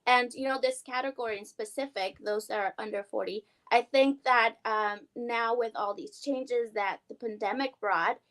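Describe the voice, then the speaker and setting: A young woman speaks as a guest in a casual interview, sounding excited and upbeat and talking freely. Her voice sits a little higher than most women's. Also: normal speed, few pauses, low-quality recording. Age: young adult. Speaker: guest, award winner.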